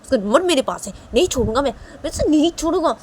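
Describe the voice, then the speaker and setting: A woman's voice: mid-range voice, fairly even intonation, fairly quick, dark tone, a little hiss or hum, lightly acted. A woman voicing an angry young man who sulks and snaps at his mother. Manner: sullen, snapping, repetitive.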